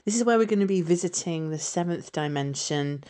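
A woman leading a guided meditation with soothing, unhurried instruction. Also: fairly low pitch, darkish tone.

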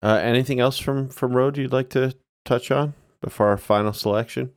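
A man hosts a music podcast with an easygoing, joking manner, moving the talk along. His voice is clear and smooth, picked up close and dry. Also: mid-range voice, steady tone, normal speed, dry recording. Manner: easygoing, joking, steers the segments. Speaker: podcast host. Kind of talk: casual chat about music.

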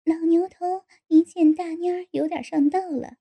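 A woman narrating an audiobook in a steady storytelling delivery. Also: very high-pitched, moderate pace.

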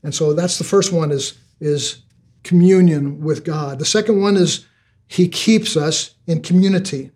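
A man's voice: a little high, a little slow, a little mellow, slightly rough. An older man preaching a sermon, earnest, often repeating words as he builds each point. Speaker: pastor.

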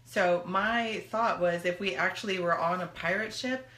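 A woman's voice: lowish voice, fairly bright tone. Chatty woman in an echoey room. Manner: chatty, quick to laugh. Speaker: co-host of a live stream. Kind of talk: casual chat.

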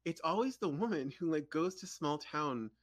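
Animated man telling comic stories. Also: a little high, moderate pace, no room sound. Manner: animated storyteller acting out quotes. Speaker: guest, social media storyteller. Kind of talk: casual podcast chat.

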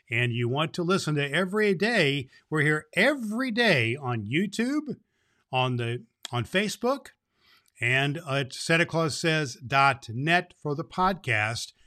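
Man as jolly old Santa, children's holiday host, higher-pitched, bright, hearty, folksy, halting delivery. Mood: friendly, explaining. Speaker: host and story reader. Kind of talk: children's holiday podcast talk and story reading.

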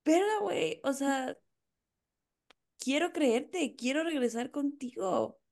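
A woman with a Mexican accent co-hosting a podcast, talking in an animated, slangy, emphatic way. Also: sits high, slow pace. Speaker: podcast co-host. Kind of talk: casual chat.

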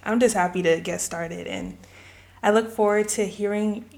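A woman's voice: mid-range voice, steady tone, moderate pace, a little mellow. A young woman co-hosting a podcast, upbeat and chatty, laughing often. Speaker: podcast co-host. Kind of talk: casual chat.

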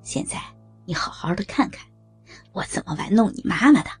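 A woman voicing a menacing, gloating male criminal in an audio story, in a low, hissing, sneering delivery. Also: animated, normal speed, soft background music, close to an everyday voice. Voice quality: gravelly, raspy. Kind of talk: audio drama reading.

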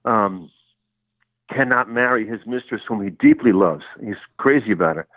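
A man with a lowish voice and lively intonation talks at a normal speed, with no room sound. Sicilian was his first language, and now, as a college English professor, he tells his story in a relaxed interview, rambling and restarting often. The audio is dry and tinny, like a phone line.

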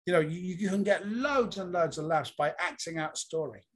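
In a casual interview, a male comedian guest tells rambling, reflective stories in a high-pitched voice, speaking briskly.

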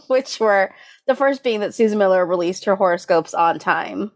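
A congested woman chats casually as a podcast co-host, rambling with fillers and quick laughs. Her voice sits at an average pitch and is recorded close and dry, with no room around it. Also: lively intonation, dry recording. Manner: chatty, laughs often, lots of fillers. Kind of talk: casual chat.

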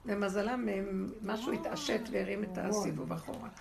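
A woman giving an expressive, rhetorical religious lesson to a women's group, often laughing as she talks. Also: mid-range voice, creaky, crowd noise. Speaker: spiritual teacher.

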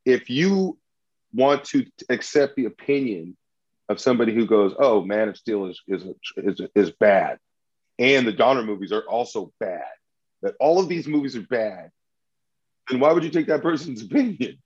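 A man's voice: mid-range voice, lively intonation, moderate pace, slightly rough, highs cut off. Heated, profane man arguing movies. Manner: combative, profane, repeats himself when heated. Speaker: debater arguing a movie case. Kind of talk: heated mock-trial banter.

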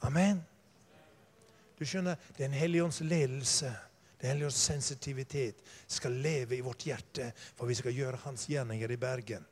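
An older man preaching a sermon, telling stories and swinging from quiet asides to loud, fervent emphasis. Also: medium pitch, steady tone.

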